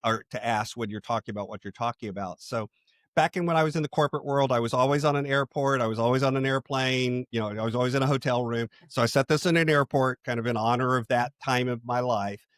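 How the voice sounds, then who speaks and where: A middle-aged man, a podcast host and coach, telling stories in a relaxed conversational interview and acting out quoted people. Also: medium pitch, fast talker, dry recording, clean studio sound. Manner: storytelling, animated voices for quoted people.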